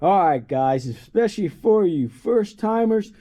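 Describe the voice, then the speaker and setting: Chatty man teaching outdoors, high-pitched. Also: lively intonation, unhurried, background noise. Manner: loose and chatty, says "pretty much" and "okay?" often. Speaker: contractor host. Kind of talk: casual on-site how-to instruction. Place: outdoor backyard work site.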